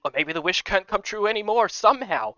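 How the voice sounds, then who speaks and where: A man voicing an older head housemaiden woman with a slight Scottish accent, soft and pleading, reading a game aloud. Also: sits high, expressive, brisk, dry recording, faint music behind, pitched above the performer's own voice. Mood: sorrowful. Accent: slight Scottish put-on. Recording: dull lo-fi recording.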